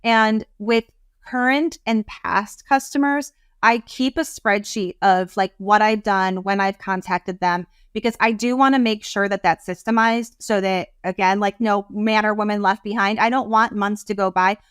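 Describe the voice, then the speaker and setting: A woman business coach talking as a podcast guest, animated, rambling and heartfelt. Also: medium pitch, moderate pace, clear, resonant tone, no echo, studio quality. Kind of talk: casual interview talk.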